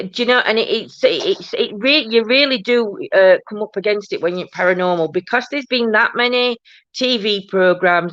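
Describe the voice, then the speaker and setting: In casual live-stream chat, the host of a paranormal show reads viewer comments aloud with a big, booming voice. She wanders off track, restarts frequently and leans on "do you know what I mean." There's no echo; the stream sound is dry, dull and low-fi.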